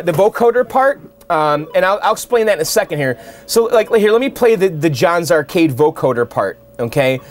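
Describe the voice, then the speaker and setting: A man hosting his own channel, casually walking through how he built a song at his home studio computer, chatty and full of fillers and restarts. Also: high-pitched. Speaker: channel host. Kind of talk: casual walkthrough and tutorial. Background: his synth tracks playing clearly.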